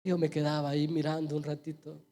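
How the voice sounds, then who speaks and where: A man preaching a sermon in a church, telling stories and swinging from loud urgency to a hush. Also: a little high, completely flat delivery, quick pace. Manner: storytelling preacher, swells loud then drops to a hush. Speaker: pastor.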